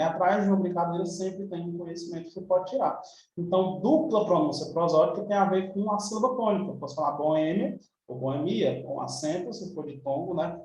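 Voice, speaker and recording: Recorded roughly and from a distance with heavy reverb, a man with a high-sitting, darkish voice and a Brazilian Portuguese accent runs an exam review lesson. He's chatty and informal, often checking in with students through tag questions.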